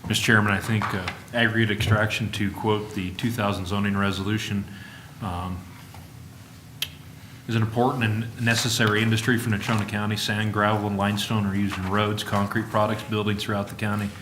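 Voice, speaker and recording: Low, even-toned man in an echoey room. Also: a little fast. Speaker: planning commission member. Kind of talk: formal meeting remarks. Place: public meeting room. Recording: echoey room, faint background noise.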